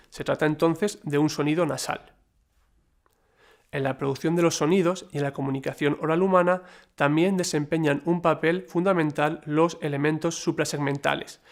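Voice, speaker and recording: A man reading a scripted lesson in a measured, explanatory way, with the odd slip and filler. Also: a little high, gravelly. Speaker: lecturer. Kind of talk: scripted educational narration.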